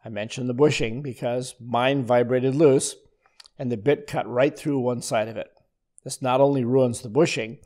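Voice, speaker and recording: An older man narrates in a calm, methodical way, as if walking a student through each step. His voice is mellow and relaxed, with a middle pitch. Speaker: woodworking instructor. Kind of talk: scripted voice-over narration.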